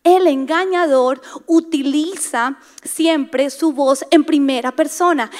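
A woman preaching to a women's congregation, dramatic, dropping to whispers for emphasis and acting out inner voices. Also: high-pitched. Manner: acts out inner voices, asks the crowd to repeat words.

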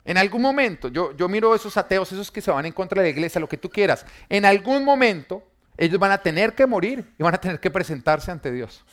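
A man, preaching an emphatic sermon that swings between loud and quiet, full of rhetorical questions and humor for the congregation. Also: high-pitched, animated, brisk. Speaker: pastor.

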